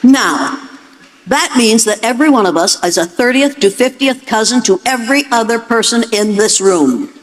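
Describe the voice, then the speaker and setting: A woman's voice: fairly high pitch, animated, moderate pace. An older American woman delivers a lecture to an audience in a blunt, emphatic way. She gives orders like a seasoned educator and expects to be followed. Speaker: educator and public speaker.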